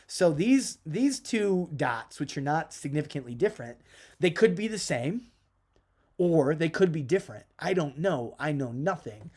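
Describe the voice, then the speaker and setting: A man in his thirties, his voice on the high side, gives a casual psychology lecture. He's chatty and animated, tossing in self-deprecating asides.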